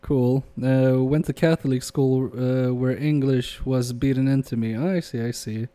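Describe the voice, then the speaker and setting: With a warm, medium-pitched voice, a young man whose first language is Polish chats with his livestream audience at a measured pace and steady tone. He fixes electronics at his workbench, reading chat aloud and trailing off into muttering as he concentrates.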